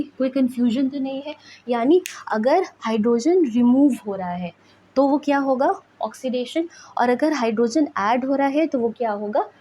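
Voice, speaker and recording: A woman's voice: on the high side, mellow, slight background noise, poor audio. Woman science teacher asking and answering. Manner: asks questions then answers them, mixes in English. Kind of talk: classroom lecture.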